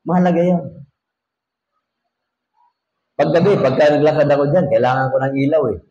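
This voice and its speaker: A man's voice: on the high side, moderate pace, mellow, echoey room, lo-fi sound. A man with a Filipino accent, a pastor preaching a sermon, telling jokey stories and reading scripture in English.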